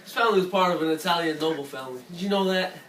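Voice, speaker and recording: A man's voice: on the high side, rapid-fire, a bit bright, a little hiss or hum. A man co-anchoring a mock newscast for a school project with casual, slangy asides, recorded far from the mic in an echoey room.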